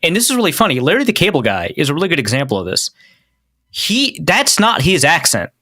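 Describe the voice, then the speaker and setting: Midwestern guy hosting a podcast, rambly, lots of "like", bright punchy voice, dry sound. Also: fairly high pitch, wildly swooping pitch, a little fast, dry recording. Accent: Midwestern American. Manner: rambling, many "like" fillers and restarts. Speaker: podcast host. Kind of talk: casual podcast chat.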